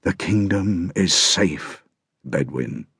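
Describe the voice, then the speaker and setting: A man reading an audiobook, voicing an old, sick high king with a low, hushed, commanding voice. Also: lively intonation, slow pace, creaky, slightly rough, dry recording, clean studio sound, heavily acted. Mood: grave.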